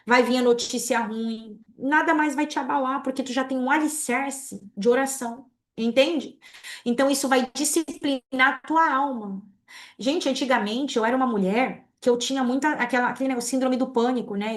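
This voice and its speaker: A woman pastor delivers a lively sermon in a high, bright voice. She talks to her listeners directly and acts out whole prayers in her own voice as she teaches. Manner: animated preaching, acting out prayers.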